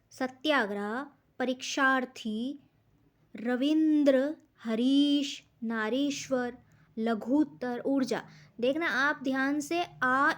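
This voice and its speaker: Woman teacher, high voice, slow and deliberate delivery; asks her own questions and answers them while working through exam-prep grammar. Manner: says words and examples slowly and deliberately.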